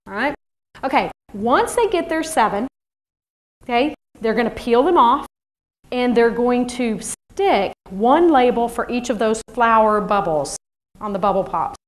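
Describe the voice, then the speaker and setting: Animated woman leading a teacher workshop. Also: fairly high pitch, a little slow. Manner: lively, animated, acts out kids' voices. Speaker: teacher trainer. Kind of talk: workshop presentation.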